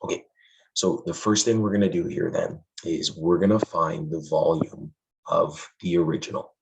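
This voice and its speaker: A man's voice: deep voice, fairly even intonation, normal speed, vocal fry, background noise. A male math teacher, losing his voice, explains a lesson in a friendly way and stresses the key points to his students.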